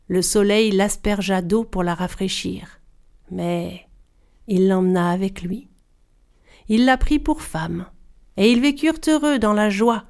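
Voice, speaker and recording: A woman narrating a folk tale in a measured, even storybook style. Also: a little high.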